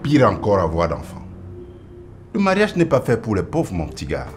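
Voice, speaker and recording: A man's voice: on the low side, wildly swooping pitch, moderate pace, over music. A man acting in a comedy sketch as an arrogant boss who sneers at his employee. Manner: scornful, dismissive. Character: arrogant rich male boss. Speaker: actor in a comedy web series.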